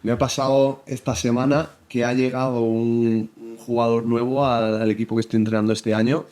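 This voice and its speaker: A young Spanish man with a Spain Spanish accent, a football analyst chatting in an interview, halting with many restarts. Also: medium pitch, level tone, darkish tone. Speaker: football analyst and coach, guest. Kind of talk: casual interview chat.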